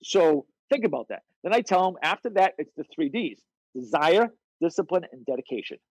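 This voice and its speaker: A man who works as a fitness coach, telling stories as a podcast guest in a blunt, profane, animated way. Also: fairly high pitch, fairly quick, slightly rough, dry recording, rough recording. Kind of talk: casual interview storytelling.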